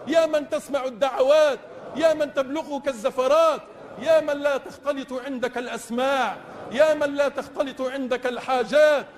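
A Tunisian man serving as imam leads a congregational supplication in classical Arabic, pleading passionately in chanted, repeated phrases. His voice is extremely high-pitched, steady, and fairly quick, with some chatter in the background. The long, echoing reverb suggests a large space.

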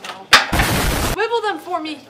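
High-voiced, teasing young woman co-host. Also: sing-song, a little slow. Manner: joking, teasing. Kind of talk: casual game-show banter. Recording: noisy room.

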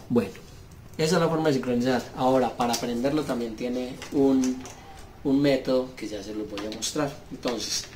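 In a small indoor room at a table, a mid-range-voiced man selling referee intercom gear demonstrates it in an unscripted, hands-on tutorial. He explains step by step in a halting way with pauses, over clear background noise.

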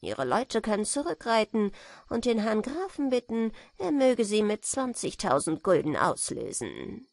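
A woman voicing a male robber leader who bargains in a slow, measured, threatening way. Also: high voice, wildly swooping pitch, vocal fry, dry recording, studio quality, voice pushed up, heavily acted. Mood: menacing.

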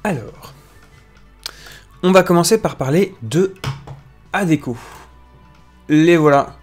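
A man's voice: fairly high pitch, expressive, slow pace, faint music behind. Drowsy man hosting a morning stream. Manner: hesitant, many filler sounds and restarts. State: just waking up. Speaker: livestream host. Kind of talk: casual morning news chat.

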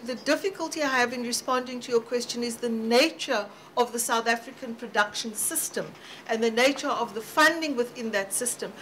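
A woman panelist giving measured, thoughtful answers in a roundtable discussion. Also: high-pitched, bright, forceful tone. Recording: faint background noise.

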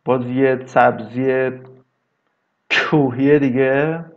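A man teaching English vocabulary in a casual lesson, drawing words out slowly and adding chatty asides. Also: mid-range voice, fairly even intonation, creaky, lo-fi sound. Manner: slow, drawn-out repetition of words, chatty asides.

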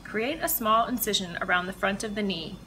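A woman voicing the monotone clinical narrator of a surgery lecture video, flat and instructional. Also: medium pitch, a little fast, a little hiss or hum, lightly acted.

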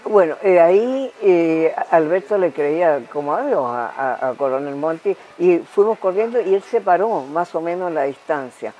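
A Chilean woman in her nineties, a talk-show guest telling lively anecdotes and punctuating them with spoken sound effects. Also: lowish voice, normal speed, hardly any pauses, highs cut off, slight background noise. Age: 90s.

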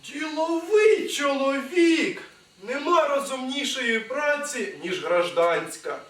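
Schoolboy playing a pompous shouting would-be nobleman; high, lively voice, echoey school hall from afar. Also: takes it slowly, slight background noise, exaggerated voice. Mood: musing. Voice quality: blustering, indignant shouting. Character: pompous blustering rural would-be nobleman, older. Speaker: student actor. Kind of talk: school stage play. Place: school stage. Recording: echoey hall, mic far off.

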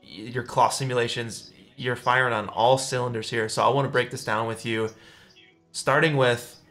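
A man's voice: medium pitch, moderate pace, faint music behind. A young man hosting a livestream interview over a headset, talking casually and with lots of eager praise. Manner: energetic, effusive, casual slang. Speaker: livestream host. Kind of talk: casual enthusiastic interview chat. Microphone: headset on video call.

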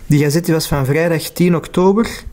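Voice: mid-range voice, brisk, mellow, a little hiss or hum. A person with a Flemish accent, wandering through an abandoned house and thinking aloud in casual commentary. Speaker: urban explorer.

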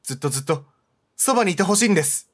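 A man putting on an earnest young woman from a horror game, speaking in a halting, soft way. Her voice sits higher than a man's usual talk and moves up and down a lot. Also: lively intonation, husky. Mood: shy. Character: shy earnest young woman confessing love.

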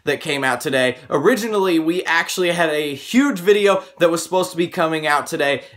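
A man in his twenties speaks to camera as a video host. His voice sits a bit high, and he is recorded at arm's length in a room at home. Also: brisk, a bit bright. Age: 20s. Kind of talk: vlog talk to camera. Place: small bright room at home.

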